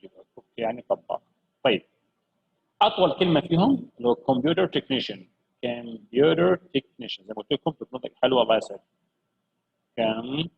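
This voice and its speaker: A man leads a children's English lesson in a gravelly, slightly husky voice. He coaxes his pupils along, drawing each word out and saying it again and again. The recording sounds dull and lo-fi. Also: mid-range voice. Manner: lively, coaxing, repeats words slowly for pupils. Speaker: English teacher.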